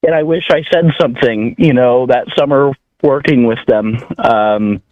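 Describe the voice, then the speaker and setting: A man giving halting, earnest testimony as a public commenter at a meeting. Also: mid-range voice, dry recording. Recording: muffled, radio-like audio.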